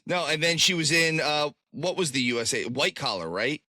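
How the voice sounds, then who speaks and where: A man with a higher, bright and tense voice chatting on a casual podcast. His tone is wry and he rambles into asides, recorded dry and close. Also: animated, normal speed, no echo. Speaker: podcast co-host. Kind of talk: casual chat.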